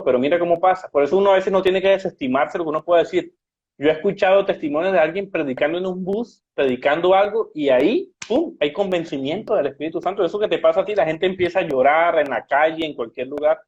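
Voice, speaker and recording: Host, male, slightly high husky voice, conversational questioning. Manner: asks questions, brief affirming interjections. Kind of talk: casual interview. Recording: husky, dull lo-fi sound.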